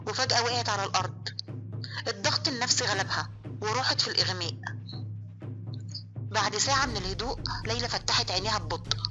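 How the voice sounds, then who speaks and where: A woman's voice: medium pitch, fast, pauses often, muffled recording. A woman with an Egyptian accent narrating a horror story in a suspenseful, vivid way. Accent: Egyptian Arabic. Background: faint music.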